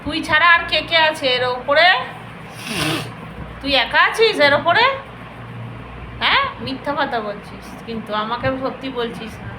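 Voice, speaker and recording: A woman's voice: sits high, animated, moderate pace, long pauses, pushed and bright, a little hiss or hum, poor audio. A woman firmly urging and commanding during a healing ritual, repeating short orders. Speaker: ritual healer.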